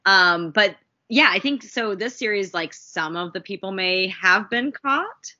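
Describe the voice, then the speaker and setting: Bright-voiced woman co-hosting a podcast. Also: mid-range voice, expressive, measured pace, dull audio. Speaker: podcast co-host. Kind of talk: casual podcast chat.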